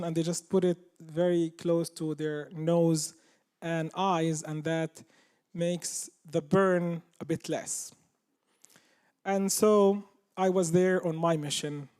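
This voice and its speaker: A man's voice: fairly high pitch, dark tone. A man, telling a humorous personal story to a live audience. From Palestine. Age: 30s. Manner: humorous, anecdotal. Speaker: speaker at a live talk.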